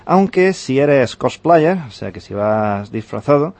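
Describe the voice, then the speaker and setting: Medium-pitched Spanish man chatting through news. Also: very animated, unhurried, a little mellow, no room sound. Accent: Spanish from Spain. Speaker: radio show panelist presenting news. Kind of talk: casual radio news chat.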